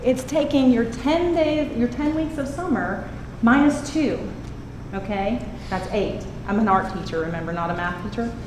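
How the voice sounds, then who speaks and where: A woman with a thin, squeaky, fairly high voice gives public comment at a meeting. She is informal, earnest and a bit nervous. The recording is echoey, with clear noise behind her. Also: lively intonation, moderate pace. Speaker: elementary school art teacher. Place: indoor public meeting room.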